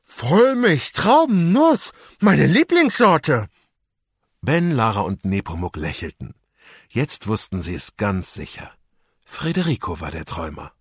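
A husky male narrator reads a children's story aloud with a lot of pitch movement. The sound is close and dry, with no room around it. He takes on a voice for each character. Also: normal speed, no echo. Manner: lively voicing of characters. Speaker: audiobook narrator.

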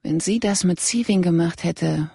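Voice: mid-range voice, moderate pace, vocal fry, dark tone, husky, no room sound, clean studio sound. A narrator reading Rebecca, a reserved investigator. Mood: wistful. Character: female police investigator, composed and reserved.

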